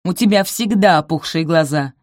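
A woman's voice: fairly low pitch, animated, brisk, darkish tone, dry recording, studio quality, natural voice. A woman reading aloud and voicing a harsh, domineering stepmother who gives orders. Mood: commanding. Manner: commanding, severe.

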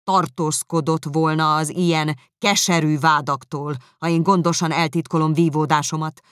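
Brief: narrator as haughty young gentleman, cool and measured, dry close sound. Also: medium pitch, dry recording, close to an everyday voice. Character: proud cold young gentleman. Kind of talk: audiobook character reading.

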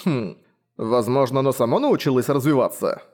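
Dude playing a stuck-up vampire baron, huffy and full of himself, storybook reading. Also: male voice, medium pitch, expressive, moderate pace, darkish tone, lightly acted. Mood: pompous. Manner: pompous, indignant. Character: vain, cowardly old vampire baron.

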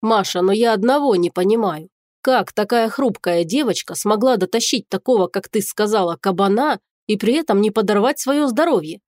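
A proud, cynical dragon in man's shape who speaks low and curt, as if giving orders, as a woman narrator puts him on. He sounds big and strong in this audiobook. The read is dry and close, with little room sound. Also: moderate pace, a little mellow, dry recording, close to an everyday voice. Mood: gruff.

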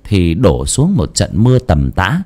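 A man narrating a horror story in a slow, brooding, expressive way. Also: deep voice.

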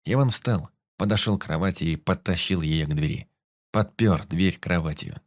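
Deep voiced guy reading a story out loud, steady narrator tone. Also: normal speed. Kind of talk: audiobook narration.

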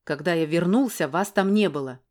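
A woman reading the lines of a gruff, irritable father who snaps at others, in an audiobook. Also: on the low side, fairly quick, darkish tone, close to an everyday voice. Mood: angry. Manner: gruff, snapping.

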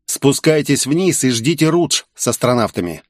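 A man's voice: medium pitch, expressive, normal speed, no echo, clean studio sound, voice pushed up, close to an everyday voice. A man voicing a scheming, ruthless male terrorist leader who sneers and barks orders in an audiobook. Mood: commanding. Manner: sneering and commanding.

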